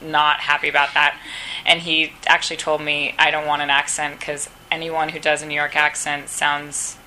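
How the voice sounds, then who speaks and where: A woman speaks in a low voice with a bright, forceful tone. She is an actress at a press round table, answering casually and chattily. She voices the people in her stories as she goes. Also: level tone, moderate pace, a little hiss or hum, poor audio. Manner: chatty, acts out quoted dialogue.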